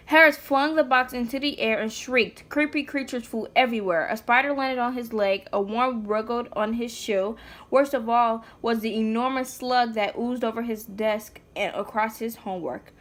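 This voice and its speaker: This mother, a vlog host, sits indoors on the floor reading a children's picture book aloud in a relaxed way and chatting to a small child between lines. Her voice is a little high and fairly bright, moving at a normal speed.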